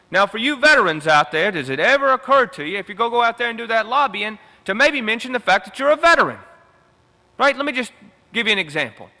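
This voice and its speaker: A man's voice: sits high, sharp tone. Man, convention rally speech, raised voice, echoing hall reverb. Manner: emphatic, repetitive rallying cadence. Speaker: union veterans council director.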